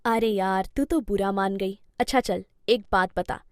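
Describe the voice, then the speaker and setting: A woman's voice: mid-range voice, fairly even intonation, unhurried, very noisy, voice pushed down, natural voice. A woman voicing a teasing, scheming young female friend in a cartoon story. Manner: teasing, conspiratorial.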